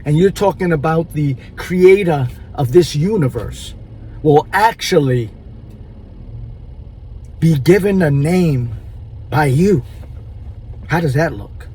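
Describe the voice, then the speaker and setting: A man vlogging in a casual monologue, chewing gum, talking with drawn-out rhetorical asides. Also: on the high side, animated, mellow, slightly rough, low-quality recording.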